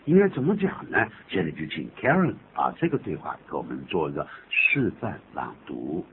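This English teacher and radio host speaks in a bass voice at normal speed, breaking down phrases with playful chatter. Jokey and animated, he chuckles at his own examples, and the sound is thin and phone-like with a faint hiss.

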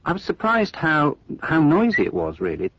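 Wry small-plane passenger, husky and slightly low, dry recording. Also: male voice, moderate pace, no echo, heavily acted. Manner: relaxed, wry anecdote telling. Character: adult man recalling a flight in a small plane. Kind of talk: scripted listening exercise monologue. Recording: dry muffled studio recording.

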